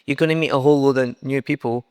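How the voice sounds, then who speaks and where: A man leading a friendly, relaxed interview on a church stage. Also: medium pitch, fast talker, clean tone, no room sound.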